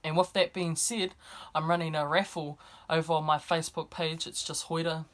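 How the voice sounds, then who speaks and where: A woman's voice: low-pitched, flat delivery, normal speed. Young New woman. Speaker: vlogger. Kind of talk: casual vlog talk to camera. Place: indoors, speaking to camera.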